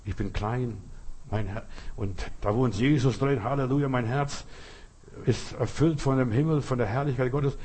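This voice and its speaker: A man's voice: medium pitch, normal speed, darkish tone, slightly rough. A man in his fifties or older, a native Lithuanian speaker, preaching a sermon emphatically and repetitively, speaking straight to the listener.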